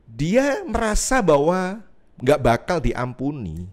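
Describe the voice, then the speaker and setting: A man's voice: a little high, slow pace. A man hosting a podcast in casual chat, talking expressively with his guest. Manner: expressive, mimics other voices. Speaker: podcast host.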